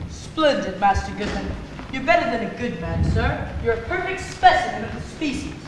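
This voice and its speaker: A man playing a deferential, flattering manservant in a stage musical comedy. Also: extremely high pitch, moderate pace. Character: flattering, deferential male servant. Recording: echoey stage, faint noise.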